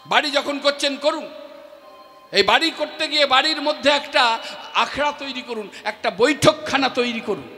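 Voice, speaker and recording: A man preaches on stage in a high, bright, ringing voice. He acts out the voices in his stories, drops to a hush, then rises to a shout. The recording carries a long hall reverb with faint music behind. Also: normal speed. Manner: acts out dialogue, shifts between hushed and shouted. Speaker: religious preacher. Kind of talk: devotional sermon with storytelling. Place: stage before an audience.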